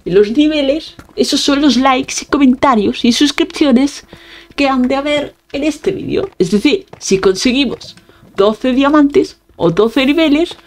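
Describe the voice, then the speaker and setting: A woman with a Spain Spanish accent giving casual, playful gameplay commentary, chatting to her viewers and muttering little sound effects as she plays. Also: high-pitched. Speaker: gaming channel host.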